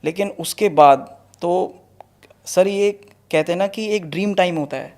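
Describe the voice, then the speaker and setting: Young man, fairly high voice, earnest, storytelling, interview guest. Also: a little slow, darkish tone. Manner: earnest, storytelling, says "sir" often. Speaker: interview guest, exam topper. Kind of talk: conversational interview.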